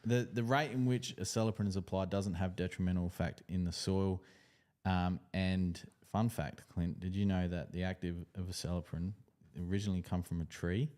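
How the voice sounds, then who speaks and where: A man's voice: low voice, steady tone, moderate pace, dark tone. A man with an Australian accent, chatting casually and explaining as an expert co-host. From South Australia. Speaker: lawn care expert co-host.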